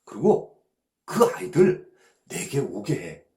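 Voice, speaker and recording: Blunt rebuking teacher figure voiced by a male pastor, lively pitch, roomy echo. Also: slow, a little hiss or hum. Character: adult male teacher firmly telling followers to step aside.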